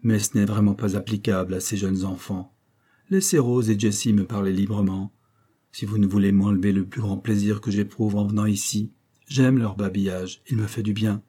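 A man doing a courteous, gentle young gentleman. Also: on the low side, steady tone, normal speed, husky.

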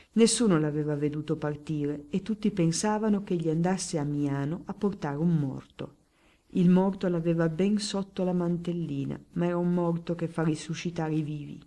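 A woman narrating an audiobook in a measured, even storytelling manner. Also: lowish voice. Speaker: audiobook reader. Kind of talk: scripted narration.

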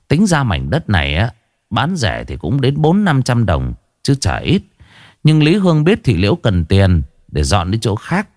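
A man's voice: medium pitch, darkish tone, no room sound, studio quality. A man narrating a ghost story with dramatic, rising and falling delivery.

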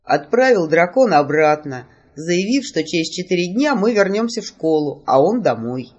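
A dry, sardonic young woman from a fantasy audiobook, telling things flatly in a lowered tone, as a woman reader puts her on. Her pitch still moves lively. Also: normal speed, dull audio.

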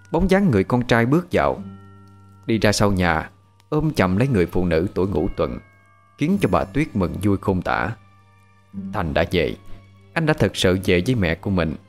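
A man narrating a ghost story in a measured, dramatic way. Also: deep voice.

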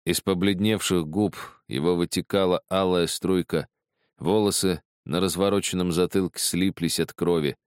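A man narrating an audiobook in a measured, grave manner. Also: low voice, steady tone, clean tone, no room sound, studio quality.

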